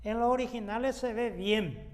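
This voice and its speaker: Higher-voiced man teaching in a reverberant room. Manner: unhurried, explanatory, frequent "eh" fillers and restarts. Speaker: pastor teaching a Bible study. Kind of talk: exegetical Bible teaching.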